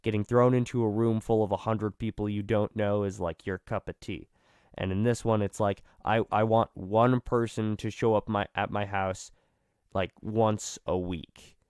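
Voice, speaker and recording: A man with vocal fry, just over being sick, giving a casual, rambling explanation and often correcting himself. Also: on the low side, fairly even intonation, moderate pace, a little mellow, dry recording, studio quality. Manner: rambling, self-correcting, self-deprecating. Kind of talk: casual, informal explanation at a drawn diagram.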